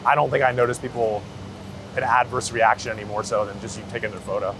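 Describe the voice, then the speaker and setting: Traffic and city street noise surround this street photographer as he chats informally in an interview, full of slang and swearing. He talks fast in a lowish voice with little pitch movement.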